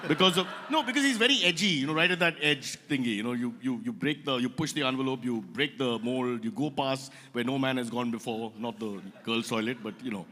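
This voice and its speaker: A man with an Indian accent hosting a live comedy roast on stage, teasing guests in quick banter. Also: mid-range voice, bright, forceful tone, slight background noise. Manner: teasing rapid banter with crowd asides. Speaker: comedian host. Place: event hall stage. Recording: reverberant event hall.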